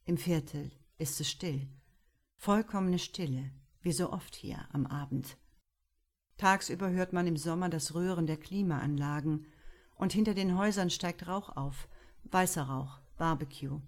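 A woman narrating a first-person literary story in a calm, measured way as an audiobook reader. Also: on the low side. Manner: calm, measured, unhurried delivery.

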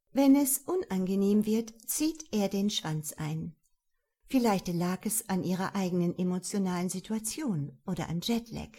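A woman narrating a novel in an expressive, lively reading voice. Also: mid-range voice, slightly rough. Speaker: audiobook narrator.

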